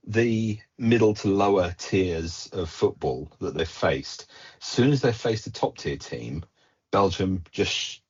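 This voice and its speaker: Low husky man with dry asides. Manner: measured, dry punning asides. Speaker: podcast co-host. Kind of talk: casual chat. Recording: dull lo-fi podcast audio.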